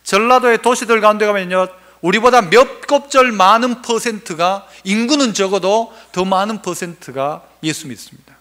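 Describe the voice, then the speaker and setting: A man's voice: high voice, normal speed, pushed and bright. A male pastor preaching a sermon, asking the congregation questions and answering them himself.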